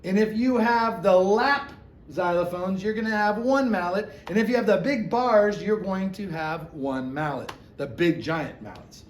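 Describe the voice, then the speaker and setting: A man's voice: sits high, a little slow. A man, a music teacher, giving a recorded lesson to a class of children, chanting rhythm syllables to show each part and encouraging them. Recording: echoey room with faint ambience.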